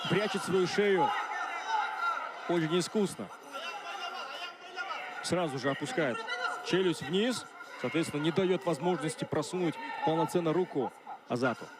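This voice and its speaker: A man giving live play-by-play combat sports commentary, excitable and swelling toward shouts at key moments. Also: fairly high pitch, measured pace, pauses often. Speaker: MMA fight commentator. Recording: loud crowd and venue noise behind. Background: noisy arena crowd.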